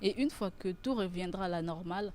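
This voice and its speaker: A woman hosting a cultural magazine show, asking measured questions and reading announcements. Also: fairly low pitch, a little mellow, a little hiss or hum.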